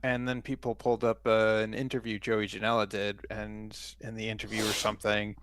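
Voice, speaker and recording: A man's voice: lowish voice, flat delivery, a little fast, fairly bright tone, clear, resonant tone, dry recording. A man co-hosting a wrestling podcast, rambling through a story with sarcastic asides. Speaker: podcast co-host. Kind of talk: casual chat.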